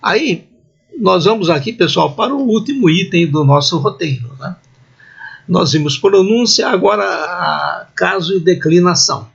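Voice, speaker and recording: Slow middle-aged guy teaching a class, husky gravelly voice, kinda muffled lo-fi audio. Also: high-pitched, animated, fairly bright tone. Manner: slow, patient, drawn-out pronunciation examples. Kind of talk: recorded lecture. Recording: dull lo-fi recording.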